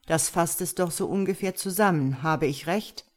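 A woman's voice: on the low side, normal speed, close to an everyday voice. A woman voicing a mocking male stone angel who lectures with sardonic rhetorical questions, in an audiobook reading.

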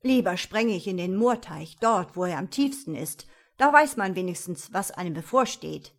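A woman's voice: on the low side, animated, normal speed. A woman voicing a young, dreamy prince who resents becoming king. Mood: indignant. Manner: sulky, dramatic outbursts.

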